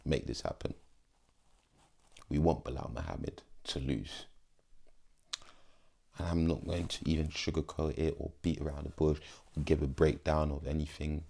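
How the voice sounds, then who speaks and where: A man's voice: rumbling low, steady tone, moderate pace, vocal fry, pauses often, warm tone. A young man giving casual, slangy fight predictions in an emphatic, pleading way. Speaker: MMA vlogger.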